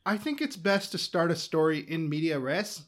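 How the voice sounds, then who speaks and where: A man co-hosting a casual podcast, playful and joking with excitable bursts. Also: fairly high pitch, normal speed. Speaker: podcast co-host.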